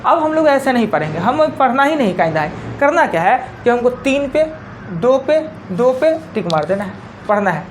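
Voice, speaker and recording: This Bihari Hindi-accented teacher has a fairly high, sing-song voice at normal speed, with slight background noise. Lecturing live in class, she walks through things step by step, counting digits aloud and returning to her key points.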